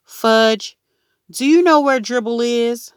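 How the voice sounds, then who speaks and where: A woman voicing an anxious boy of about nine who shouts and pleads urgently. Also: fairly high pitch, slow, clean tone, dry recording, clean studio sound, voice pushed up. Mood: pleading. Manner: urgent, rising to yells.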